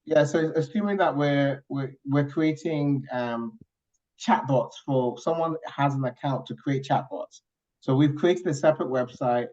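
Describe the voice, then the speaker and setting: A man's voice: medium pitch, a little slow, darkish tone. A man on a video call, steadily explaining how a product should work, step by step. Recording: dull lo-fi call audio.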